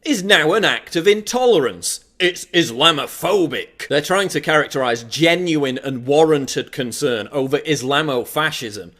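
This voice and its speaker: A man's voice: a little high, expressive, a little slow, hardly any pauses, fairly bright tone. A man narrating a scripted video essay in a sarcastic, mocking tone.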